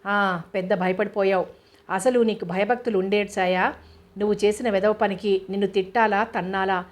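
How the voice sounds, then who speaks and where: A woman's voice: medium pitch, steady tone, normal speed, natural voice. A woman voicing a stern, protective elder sister who scolds her younger brother, read in an audiobook. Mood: scolding. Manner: scolding, exasperated. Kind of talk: audiobook character reading.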